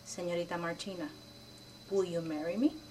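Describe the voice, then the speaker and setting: A woman voicing a gentle, courteous male mouse suitor in a soft, low voice, recorded from a distance with faint noise. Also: steady tone, fairly quick, close to an everyday voice. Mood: courtly.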